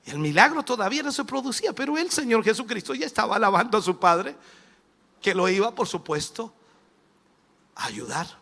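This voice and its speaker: A man with a Chilean accent preaching a televised sermon as a bishop, dramatic and animated, dropping to a hush and then rising to a shout. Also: sits high, brisk, vocal fry. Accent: Chilean Spanish.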